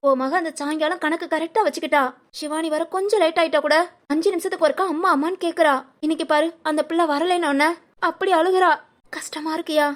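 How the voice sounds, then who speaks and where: A woman's voice: extremely high pitch, steady tone, fast. A woman voicing a scolding, doting village grandmother. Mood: chatty. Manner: scolding, coaxing, sing-song village talk. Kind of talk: animated family story voice acting.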